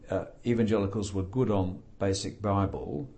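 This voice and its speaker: A man's voice: fairly low pitch, normal speed, vocal fry, dark tone. An older man and author being interviewed, talking thoughtfully with dry humor and plenty of hesitations. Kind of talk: reflective interview talk.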